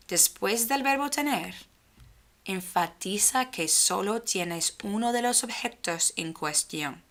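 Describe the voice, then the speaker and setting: A woman teaching a grammar lesson, speaking slowly and clearly and drawing out the example sentences. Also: mid-range voice, a bit bright. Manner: slow, clearly spaced speech with stretched example phrases. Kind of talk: slow, careful grammar lesson.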